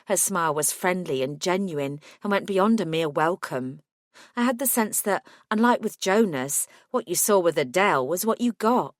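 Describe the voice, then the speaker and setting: A woman narrating a first-person audiobook in a wry, measured way on a close studio mic. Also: fairly low pitch, expressive, no echo.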